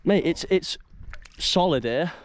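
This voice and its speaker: Excitable man fishing outdoors. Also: on the high side, slow, dry recording. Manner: excitable, chatty, calls to his mate. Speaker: angler. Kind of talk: casual live chat while fishing. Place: lakeside outdoors.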